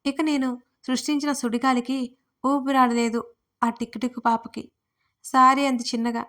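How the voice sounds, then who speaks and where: A woman narrating a first-person comic audio story and playing her own part in lively, dramatic fashion. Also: high-pitched, normal speed. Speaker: writer and narrator.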